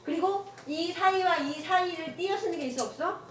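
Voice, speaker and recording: A woman teaching a classroom grammar lecture, firing quick rhetorical questions at her students and mixing casual with polite speech. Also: very high voice. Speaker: Korean language teacher. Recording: echoey room from far off, noisy.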